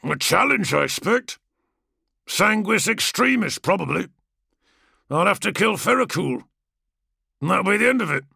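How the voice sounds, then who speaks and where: A man's voice: sits high, sing-song, measured pace, creaky, long pauses, slightly rough, no room sound, clean studio sound, voice pushed up, exaggerated voice. A man voicing a brash, mocking male superhuman gladiator who taunts with sarcasm. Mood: brash taunting. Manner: taunting, sarcastic, rising to shouts.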